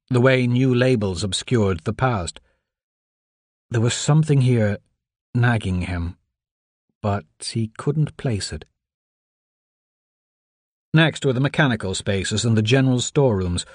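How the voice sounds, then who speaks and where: A man reading scripted audiobook narration in a measured, even storytelling manner on a close microphone. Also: medium pitch, no room sound.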